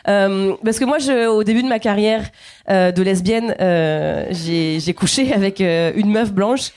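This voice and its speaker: A woman's voice: medium pitch, a little slow, darkish tone. Chatty woman in her thirties doing stand-up. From Guadeloupe. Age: 30s. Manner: playful, chatty, addresses audience directly. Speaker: stand-up comedian. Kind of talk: stand-up comedy set. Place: comedy stage.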